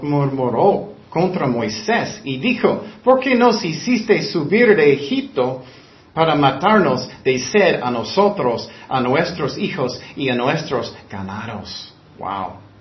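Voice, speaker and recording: High-voiced man preaching in an echoey room. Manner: preaching with mocking quoted voices. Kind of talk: sermon. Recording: echoey room, dull lo-fi sound.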